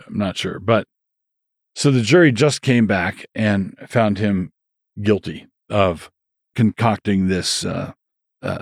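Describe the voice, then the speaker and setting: A man's voice: fairly low pitch, no room sound, clean studio sound. A man hosting a podcast, giving wry conversational commentary that trails off and restarts. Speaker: podcast host. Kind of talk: solo commentary.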